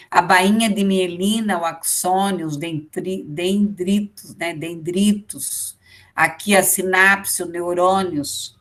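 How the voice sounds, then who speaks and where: A woman's voice: fairly low pitch, fairly bright tone. A middle-aged woman with a Brazilian Portuguese accent, giving a casual lecture and checking in with her class after every few phrases. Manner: conversational, with frequent check-in tags to the class. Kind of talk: online lecture.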